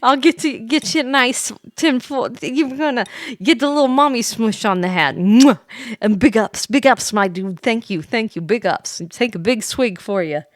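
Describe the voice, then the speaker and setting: A woman hosting a VTuber livestream rambles and giggles through playful chat with viewers, a little tipsy from wine. She sounds fairly high-pitched and animated at a moderate pace, in clean studio audio without echo.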